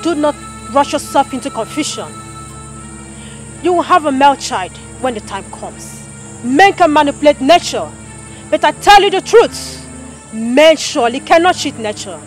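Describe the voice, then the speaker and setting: A woman's voice: sits high, animated, moderate pace, faint music behind. A woman playing a benevolent forest goddess in a film drama, serene and solemn, with a Nigerian accent.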